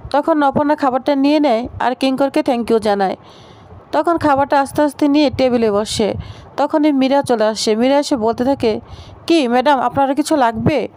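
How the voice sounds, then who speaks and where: Brief: woman storyteller, high voice, relaxed serial recap with English words mixed in. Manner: plain, unhurried, with Bengali-English mixing. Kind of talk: casual spoken retelling.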